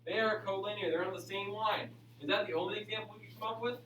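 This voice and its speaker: A man's voice: high-pitched, fairly even intonation, fast, sharp tone. A man teaching a school class, repeating himself step by step and urging students along like an aerobics instructor, with frequent okay check-ins. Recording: echoey classroom, distant mic, faint hum.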